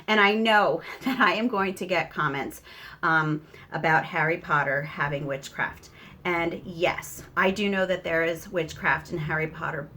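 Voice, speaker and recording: A homeschooling mother hosting a video talks casually to viewers, explaining things in a conversational, emphatic way and often correcting herself mid-thought. Her voice is lowish with a sharp tone.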